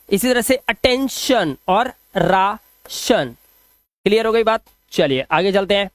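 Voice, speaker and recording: A man teaching an English phonics lesson, drawing out each word slowly and repeating the sounds for his students. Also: high voice, no echo, studio quality. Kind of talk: phonics lesson explained in Hindi.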